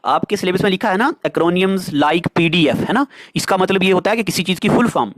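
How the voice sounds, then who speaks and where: A man with a high, light voice gives an exam prep lecture in a chatty way. He asks the class questions and answers them himself. The sound is dry and close, with no room around it. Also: brisk, dry recording. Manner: chatty, addresses students as dear children, asks and answers own questions. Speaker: teacher.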